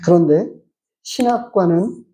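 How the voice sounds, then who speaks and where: A pastor giving a measured, explanatory sermon and asking the congregation rhetorical questions. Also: medium pitch, mellow.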